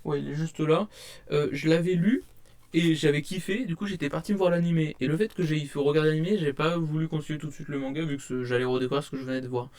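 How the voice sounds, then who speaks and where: A manga collector shows off his purchases in a casual haul vlog recorded on a desk webcam at home. He is a young man with a fairly high, slightly mellow voice who talks fast. He rambles hesitantly, with plenty of fillers and restarts, and describes himself as shy.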